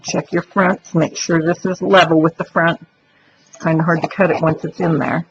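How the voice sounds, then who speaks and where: A woman's voice: deep voice, little pitch movement, normal speed. A woman giving a chatty step-by-step crafting demonstration, explaining each move aloud as she works. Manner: chatty, explains while working, thinks aloud. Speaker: craft tutorial presenter. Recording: dull lo-fi recording with faint noise.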